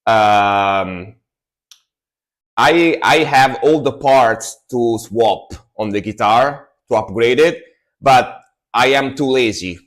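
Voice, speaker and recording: Taking his time in a mid-range voice, a thirty-something man from Italy hosts a livestream. His speech carries an Italian accent as a native speaker, and his casual chatter rambles with frequently repeated phrases.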